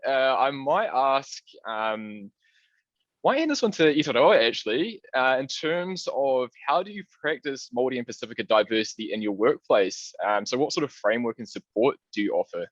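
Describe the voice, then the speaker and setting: A man moderating an online panel in a relaxed, friendly way. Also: medium pitch, normal speed, dry recording. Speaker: panel facilitator. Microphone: video call. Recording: dry, dull call audio.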